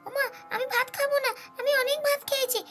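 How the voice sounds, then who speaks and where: A very high, squeaky little girl's voice, put on by a woman, rattling along quickly as she mumbles and babbles in her sleep. The doll-cartoon character sounds dreamy and childish, with music playing behind her. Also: little pitch movement, sharp tone. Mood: sleepy babbling.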